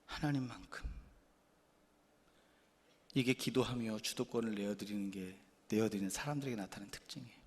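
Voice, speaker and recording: A male pastor preaching a sermon through stories, animated and candid, dropping to quiet asides and then rising into loud, emphatic bursts. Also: lowish voice, a little fast, pauses often, long reverb tail. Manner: candid, self-deprecating confession. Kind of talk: storytelling sermon.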